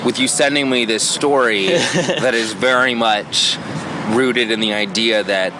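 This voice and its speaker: Relaxed male podcast host, noisy background. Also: mid-range voice, measured pace. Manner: relaxed, retells stories with acted-out quotes. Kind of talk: casual conversation.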